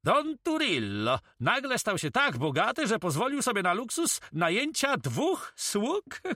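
Dude doing a snooty young nobleman, high and bossy, bright dry sound. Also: huge pitch swings, unhurried, no echo, full character voice. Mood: indignant. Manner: demanding, indignant. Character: haughty, impatient young male nobleman.

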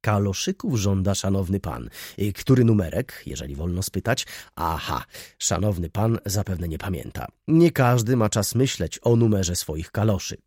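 A man voicing a young, dandyish male shop clerk who talks in quick, fawning sales patter. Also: low voice, lively intonation, darkish tone, husky, dry recording, clean studio sound. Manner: rapid, ingratiating patter.

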